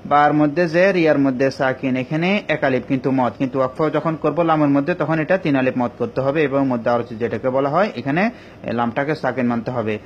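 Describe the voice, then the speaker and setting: A male teacher giving an online Quran recitation lesson, explaining each rule patiently and step by step with many pauses. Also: medium pitch. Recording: dull lo-fi recording with faint ambient noise.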